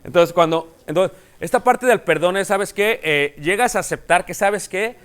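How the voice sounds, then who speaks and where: A middle-aged man preaching with a Latin American Spanish accent. His voice sits somewhat high for a man, and he talks to the congregation in a loose, conversational way. When he drives a point home, he climbs higher and presses harder. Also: normal speed, smooth. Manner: conversational, rises and gets forceful when making a point. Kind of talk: sermon.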